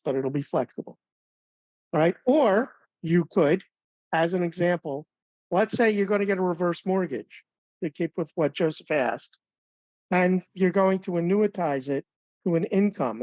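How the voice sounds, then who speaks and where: A man training advisors on planning software in a relaxed, conversational webinar, with fillers and light jokes. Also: high voice, no echo. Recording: dull, dry webinar audio.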